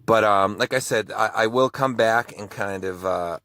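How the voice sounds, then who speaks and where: A man's voice: lowish voice, moderate pace, a bit bright, no room sound. A man who hosts true crime videos, telling a personal story in a casual, rambling way with many restarts.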